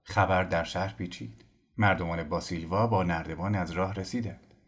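A man narrating a novel as an audiobook in an expressive storytelling manner. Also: low voice, husky. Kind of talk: scripted narration.

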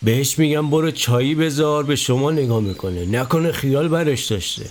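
A man's voice: mid-range voice, slight background noise, close to an everyday voice. An actor playing a cheeky young apprentice snake catcher who teases and jokes with his master. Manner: cheeky, teasing banter.

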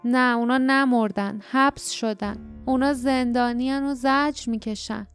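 A woman reading the part of a wild young forest girl, speaking in a hushed, urgent way. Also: sits high, fairly even intonation, clear, resonant tone, soft background music, natural voice. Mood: hushed fear.

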